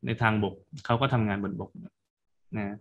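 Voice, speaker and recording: A man's voice: on the low side, steady tone, measured pace, gravelly, dull audio, slight background noise. A man voicing a clever male turtle in a told folk tale, earnestly arguing his worth. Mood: persuasive. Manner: earnest, persuasive storytelling speech.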